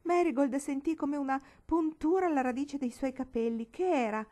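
A woman narrating a literary audiobook with expressive, dramatic storytelling. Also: high voice, normal speed. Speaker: audiobook reader.

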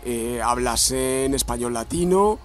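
A man's voice: medium pitch, lively intonation, a little slow, faint music behind. A man with a Madrid accent co-hosting a podcast, talking in a loose, slangy, reflective way. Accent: Madrid Spanish. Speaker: podcast co-host. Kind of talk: casual chat.

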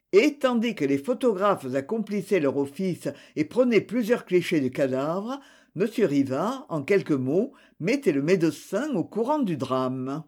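Man, audiobook narration, high voice, lively intonation, expressive. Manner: expressive reading. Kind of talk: scripted narration.

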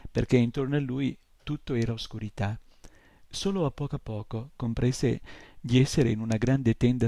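Guy reading a storybook chapter out loud, gravelly dark voice, dry close sound. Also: medium pitch, dry recording. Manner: steady storytelling. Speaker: narrator. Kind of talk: audiobook reading.

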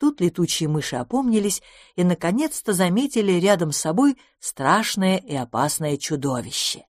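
A woman's voice: normal speed, dry recording, clean studio sound. Woman reading a children's story aloud. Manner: lively, shifts pitch for each character. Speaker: audiobook narrator.

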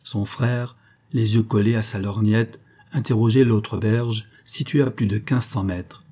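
Low husky male audiobook narrator. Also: steady tone, a little slow, dark tone. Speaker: audiobook reader. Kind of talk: scripted narration of a classic adventure novel.

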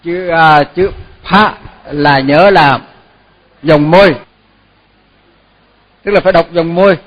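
Slow, high-voiced man teaching a chant. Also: muffled recording. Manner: slow, repeats syllables for pupils to echo; explains pronunciation in casual speech. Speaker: Buddhist teacher. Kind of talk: chanting lesson.

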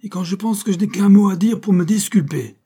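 A frantic, despairing accused man, as a male reader puts him on, shouting and pleading in a strained voice pushed well above the reader's usual pitch. The tone stays dark and a little husky. It sounds like a dramatic audiobook reading. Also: brisk. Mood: outraged.

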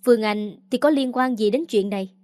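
A woman reading aloud the lines of a hot-tempered man who yells at his sister, in a storybook narration. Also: fairly high pitch, brisk, no echo, natural voice. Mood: furious. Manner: angry, yelling. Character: hot-tempered older brother, shouting.

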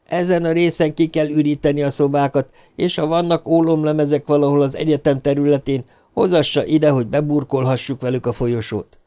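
A man doing a cool, commanding gentleman. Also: on the high side, clear, resonant tone, pitched above the performer's own voice, natural voice. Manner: calm, measured, commanding. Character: cool, composed, elegant older man.

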